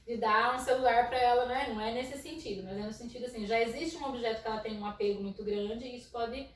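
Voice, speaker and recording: Loud-voiced Brazilian woman in an echoey room. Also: a little high, fairly even intonation, fast talker. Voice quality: naturally loud speaking voice. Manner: storytelling with frequent "né?" tags and soft laughs. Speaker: psychologist in school inclusion. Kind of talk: casual educational talk. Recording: echoey room, mic at a distance.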